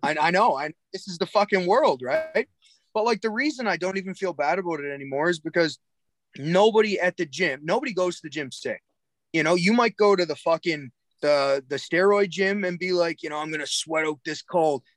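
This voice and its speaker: A man with a Cape Breton accent and a slightly high voice talks in a loose, casual way. He is blunt and swears easily. The sound is very dry, with no room echo. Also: expressive, fairly quick. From Cape Breton Island, Nova Scotia, Canada. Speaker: podcast guest, jiu-jitsu coach. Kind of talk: casual chat.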